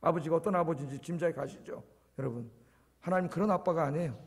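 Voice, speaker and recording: A man's voice: a little high, quick pace, long reverb tail. A male pastor preaching a sermon in a church, asking the congregation questions, answering them himself and repeating key words for emphasis. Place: church sanctuary.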